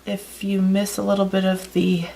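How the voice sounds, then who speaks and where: A woman's voice: medium pitch, moderate pace, gravelly. A woman giving a casual, chatty card-making tutorial with plenty of fillers, a slight frog in her throat. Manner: chatty, relaxed, many fillers. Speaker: stamping craft demonstrator.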